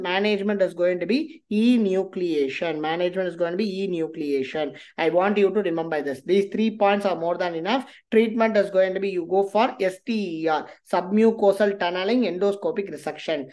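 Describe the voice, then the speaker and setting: A woman's voice: lowish voice, a little mellow. A woman with a South Indian Tamil accent giving a medical revision lecture, repeating key phrases for emphasis and checking in with listeners.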